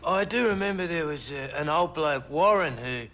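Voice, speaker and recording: Australian man, an agitated junkie pensioner on the stand, rambling and indignant, high and lively, swoops all over. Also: normal speed. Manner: rambling, indignant, slangy, repeats "mate". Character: agitated scruffy male pensioner addict witness, cocky and evasive. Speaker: witness in court. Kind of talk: film drama acting.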